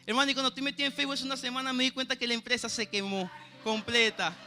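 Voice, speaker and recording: Over soft background music, a man speaks very fast in an extremely high, bright, forceful voice with flat delivery. He's a church pianist with a Venezuelan Spanish accent, preaching and telling his own testimony, earnestly checking with listeners through "¿sabe, hermano?".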